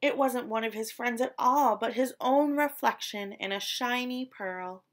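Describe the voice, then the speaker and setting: A woman storyteller narrating a children's picture book expressively, with deliberate, dramatic emphasis on descriptive words. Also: fairly high pitch. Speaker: read-aloud storyteller.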